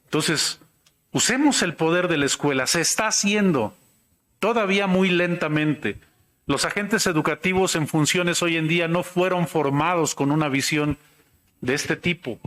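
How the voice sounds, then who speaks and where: High-voiced man lecturing. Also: fairly bright tone. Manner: measured, explanatory, tells anecdotes. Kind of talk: academic conference talk.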